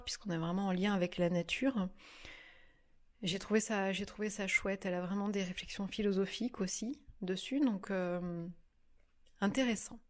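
Woman, 30s, home vlogger, hesitant, filler-heavy casual chat. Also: medium pitch. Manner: hesitant, many fillers and restarts. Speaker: vlogger reviewing books. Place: at home by her desk.

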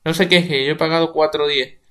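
In a play audiobook, a man with a Spain Spanish accent voices a blunt, nosy middle-aged neighbor woman who loves to gossip. His voice is fairly high and sharp, with a steady tone and a fairly quick delivery.

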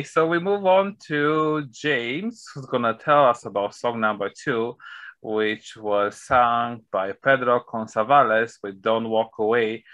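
Speaking through a webcam from a shelved room at home, a male host in his thirties reads the lineup for a panel review on a video call and stumbles over foreign names. His voice sits at medium pitch, a bit bright, with no room sound.

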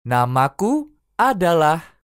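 A language teacher reads short everyday phrases for learners to repeat, saying each one three times with unhurried, clear spacing. The mid-range voice is very animated and moves freely up and down, captured in a dry, close recording.

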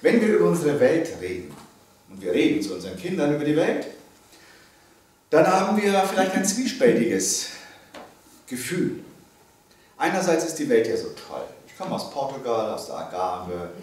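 A theology professor in his early seventies gives a public lecture in an indoor seminar room, speaking emphatically and deliberately, pausing for effect and posing questions to the audience. His mid-range, darkish voice swings widely in pitch. A stand-mounted mic captures him from a distance in a very echoey room with faint noise.

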